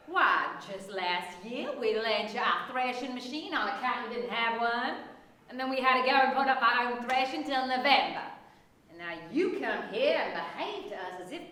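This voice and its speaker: A woman's voice: on the high side, animated, moderate pace, pushed and bright. A woman playing a haughty, quarrelsome young landowner's daughter in a comic stage play, scolding with indignant emphasis. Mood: offended. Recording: echoey stage performance recorded from far off.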